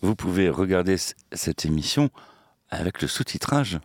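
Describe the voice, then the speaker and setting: A man's voice: low-pitched, sing-song, normal speed, no echo, studio quality. A man hosting a casual interview, informal and enthusiastic. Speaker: interview host.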